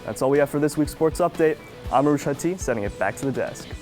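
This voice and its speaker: A teenage boy reading a scripted school sports update in a steady way. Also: fairly high pitch, quick pace, soft background music. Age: teens. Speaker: student sports reporter.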